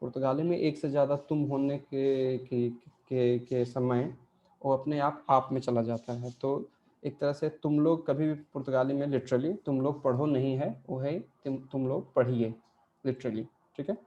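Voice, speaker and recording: A man teaching an online language class at a middle pitch with a dark, mellow tone. He walks through the grammar step by step, posing questions and answering them himself. The recording sounds slightly dull and lo-fi. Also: fairly even intonation, a little slow.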